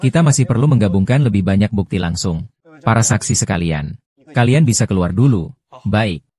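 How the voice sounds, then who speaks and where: Deep, mellow-voiced man reading a drama. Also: expressive, fairly quick, breathy edge. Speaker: drama recap narrator voicing every character. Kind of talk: dubbed drama recap.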